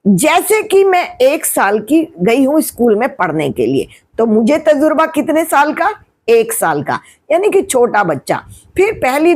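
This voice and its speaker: A woman in her sixties, a retired teacher, gives patient family advice, asking questions and answering them herself. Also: high voice. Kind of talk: explanatory family advice talk.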